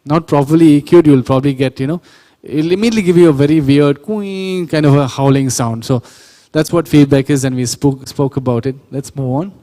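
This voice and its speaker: A man leads a hands-on sound engineering class, explaining patiently and pausing to quiz his listeners. His voice is mellow and of middling pitch. It rings with the long reverb of a large hall. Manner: explanatory, self-correcting, asks the audience questions. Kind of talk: classroom workshop lecture. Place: church hall or auditorium.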